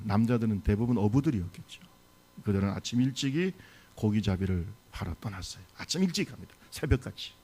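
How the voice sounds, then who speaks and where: A man's voice: lowish voice, dark tone, slightly rough. A male pastor preaching a sermon in a church service, telling a story with animation and putting questions to the congregation.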